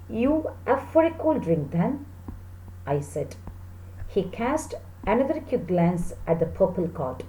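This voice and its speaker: A woman in her thirties teaches an English lesson for children, reading text aloud and explaining it deliberately, with checking questions to her pupils. Her voice is lowish and mellow. The small, plain indoor room gives a roomy echo with slight background noise.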